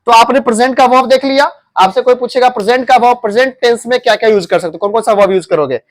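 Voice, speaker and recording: A man's voice: extremely high pitch, rapid-fire. A man teaching grammar to a class of students, drilling them with repeated questions. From India.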